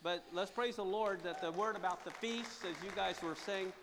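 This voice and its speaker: A man's voice: sits high, normal speed, background noise. Man preaching with chatty energy. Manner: warm, chatty, many fillers, asks the crowd. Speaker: pastor. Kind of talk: sermon with live interpretation.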